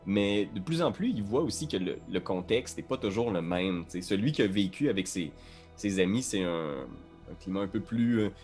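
A man's voice: fairly low pitch, lively intonation, normal speed, darkish tone, faint music behind. A man playing a tabletop game, talking hesitantly with many restarts. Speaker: player.

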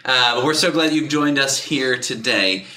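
A man hosting a church podcast, chatty and energetic, laughing often and a little out of breath. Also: medium pitch, moderate pace, roomy sound. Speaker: podcast host and pastor. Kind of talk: casual chat. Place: church studio.

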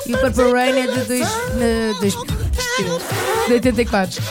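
A woman's voice: high voice, huge pitch swings, moderate pace, loud music behind the voice. A young woman, chatting casually about songs. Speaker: music show participant. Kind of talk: casual chat.

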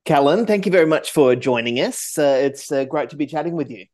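A man's voice: fairly high pitch, brisk, darkish tone. Australian man hosting a film podcast. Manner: reads introductions, then chats. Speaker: podcast host. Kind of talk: casual interview.

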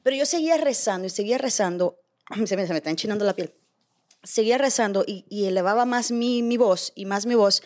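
A woman on a podcast panel telling a scary personal story in a casual, animated way, dropping in English phrases. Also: mid-range voice, a little fast.

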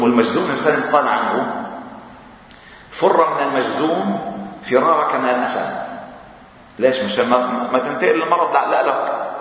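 A man's voice: mid-range voice, a bit bright. A man preaching in an echoey mosque hall. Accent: Levantine Arabic. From Lebanon. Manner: conversational, chuckling, with rhetorical questions. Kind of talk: informal mosque talk. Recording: echoey hall, mic far off.

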